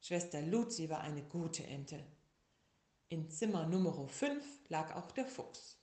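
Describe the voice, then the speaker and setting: A woman reading a children's story aloud in a slow, lively, expressive way. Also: deep voice. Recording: echoey room.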